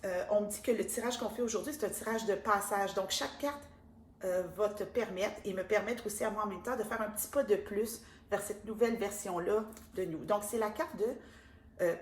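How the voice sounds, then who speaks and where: A woman with a Québécois accent giving a casual oracle card reading, chatty and gentle, with many fillers. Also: mid-range voice, brisk. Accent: Québécois French. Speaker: card reader and spiritual guide. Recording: echoey room with faint ambient noise.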